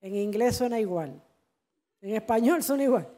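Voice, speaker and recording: A woman interpreting a sermon phrase by phrase, quickly rendering each line with small self-corrections. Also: fairly high pitch, expressive, mellow.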